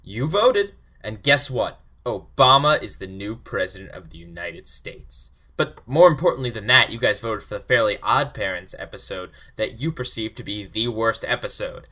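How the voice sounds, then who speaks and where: A man's voice: lowish voice, animated, normal speed, hardly any pauses, pushed and bright. A man of about twenty reviewing a cartoon episode in an exasperated, sarcastic rant.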